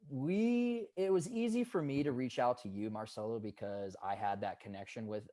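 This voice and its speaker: A man's voice: medium pitch, normal speed, mellow, no echo. A man in his twenties, a guest on a casual podcast interview, telling stories in an earnest, upbeat, hyped way. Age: 20s. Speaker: guest, pro paintball player.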